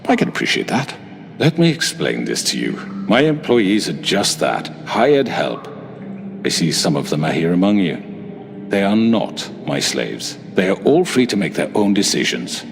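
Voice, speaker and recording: An actor playing a smooth, menacing middle-aged crime boss who talks in a patronizing, calmly manipulative way, in a game. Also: male voice, low voice, normal speed, exaggerated voice. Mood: smooth, needling. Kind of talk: video game voice acting. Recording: game audio over music score.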